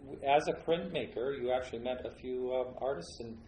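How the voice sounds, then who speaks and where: A man's voice: medium pitch, brisk, darkish tone, slight background noise. A man hosting an interview podcast, asking enthusiastic, rambling questions full of fillers. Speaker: podcast host. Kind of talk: casual interview. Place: large home studio. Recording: roomy studio with faint ambience.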